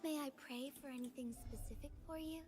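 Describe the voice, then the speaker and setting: A high, soft-spoken young female video game character, acted by a woman. She is polite and courteous in every line. Music plays clearly behind her. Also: brisk, close to an everyday voice. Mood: gentle, courteous.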